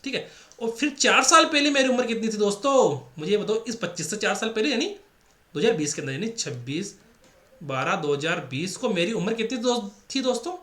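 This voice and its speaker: High-pitched, brisk, pushed and bright, with lively intonation, a male math teacher drives an exam-prep lesson in a Rajasthani Hindi accent. He's repetitive, restating steps and drilling points through rhetorical questions, heard in an echoey room.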